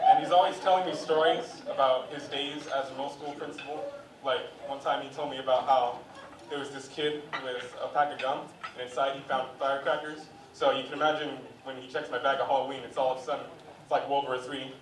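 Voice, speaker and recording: A man's voice: mid-range voice, fairly even intonation, a little fast, noisy background. A young man performing a stand-up set on a comedy club stage, telling stories in a chatty way and acting out the people in them. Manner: chatty storytelling with acted quotes. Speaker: stand-up comic. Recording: roomy club sound from a distance.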